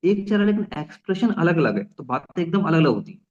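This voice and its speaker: A young man giving an energetic network marketing talk, often restarting phrases and mixing in English. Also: on the high side, fast talker, lo-fi sound. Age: young adult. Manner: mixes English phrases into Hindi. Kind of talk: motivational business talk.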